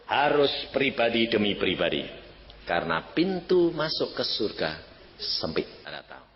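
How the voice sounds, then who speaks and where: A male pastor preaching and telling a personal story, jumping between loud outbursts and near-whispers. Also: fairly low pitch, sing-song, moderate pace, a little hiss or hum. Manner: dramatic, swinging from shouts to near-whispers. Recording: reverberant hall, slightly dull sound.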